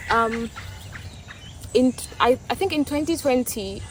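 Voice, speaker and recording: Speaking slowly and animatedly in a fairly high pitch, this young vlogger from Tanzania talks in English with her native accent, Swahili being her language. She offers her views in a relaxed, reflective way, frequently restarting and repeating words, over a slight hiss or hum.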